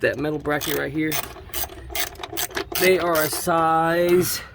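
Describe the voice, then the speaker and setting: A man chatting casually while working on a truck outdoors, animated and full of slang. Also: on the high side, slow pace, gravelly, noisy background. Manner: animated, slangy, says "man" and "bro" a lot. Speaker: vlogger working on his brother's truck.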